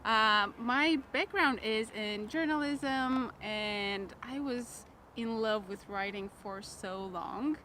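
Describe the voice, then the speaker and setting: A woman's voice: a little high, slow pace, pushed and bright, a little hiss or hum. A young woman from Romania, English as her second language, speaking as a guest in a casual interview and laughing often. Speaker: guest, writing coach and author.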